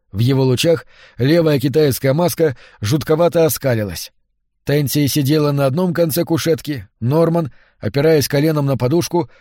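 A man's voice: a little high, a little mellow, dry recording. Man reading an audiobook, dry close sound. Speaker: audiobook narrator. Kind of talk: scripted literary narration.

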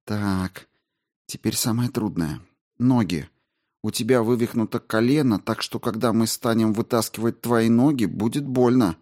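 A man's voice: fairly low pitch, moderate pace, a little mellow, natural voice. A man voicing a woman astrobiologist who gives firm, urgent medical instructions in a story reading. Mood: steady.

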